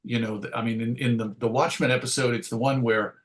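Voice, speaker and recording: A middle-aged man with a mid-range voice talks fast in a steady tone, reminiscing casually as an interview guest. He is a writer and radio show host, and his speech is hesitant and rambling, often breaking off to restart a thought.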